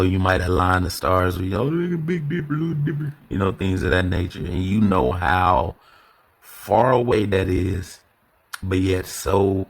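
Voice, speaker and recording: This man, a podcast host, sits low in pitch and shows vocal fry. He rambles through a casual solo episode, leaning heavily on fillers and repeating words.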